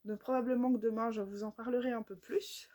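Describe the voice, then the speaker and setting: A woman's voice: a little high, fairly even intonation, brisk, mellow. A woman chatting casually about books on her vlog, with many fillers and restarts. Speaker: book vlogger. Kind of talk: casual book chat.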